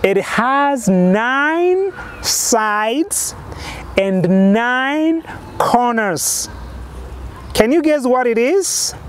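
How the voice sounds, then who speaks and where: A man's voice: very high voice, lively intonation, drawn-out words. A man in his thirties presenting an outdoor lesson as a kids show host, asking guessing questions and counting aloud step by step. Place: outdoors on a lawn in a yard. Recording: faint outdoor background noise.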